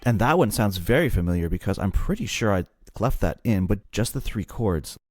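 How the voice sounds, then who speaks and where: A man's voice: on the low side, lively intonation, brisk, music in the background. A man co-hosting a podcast, explaining songwriting in a casual, self-deprecating way. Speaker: podcast co-host.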